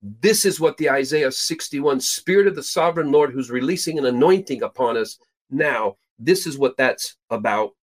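A man's voice: expressive, moderate pace. Emphatic middle-aged man teaching scripture. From Peru. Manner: emphatic, building to stressed high points. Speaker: host and Bible teacher.

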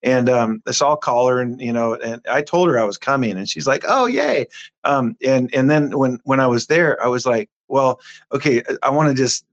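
A man who is a guest minister, telling stories in a lively conversational way, with many restarts and acted-out quotes. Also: mid-range voice, moderate pace, lo-fi sound. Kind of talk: conversational storytelling.

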